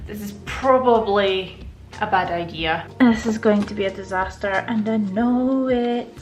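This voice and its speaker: An Estonian woman with a medium-pitched, slightly slow voice chats casually and playfully to herself and her viewers while tidying, like a home vlogger. She's a vlogger and nail technician doing a relaxed, chatty voice-over.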